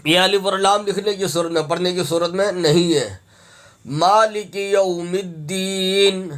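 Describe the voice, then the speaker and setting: High-voiced man drilling slow recitation. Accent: Pakistani Urdu. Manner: slow drawn-out recitation between quick corrective explanations; repeats syllables over and over to correct pronunciation. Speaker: Quran recitation teacher. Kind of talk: tajweed lesson.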